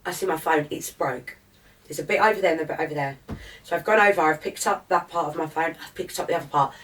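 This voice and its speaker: A woman's voice: sits low, fast talker, fairly bright tone, recorded from a distance, slight background noise. A woman with an Essex accent, a podcast guest, retelling events in a fired-up, swearing, present-tense way. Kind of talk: casual interview, recounting events.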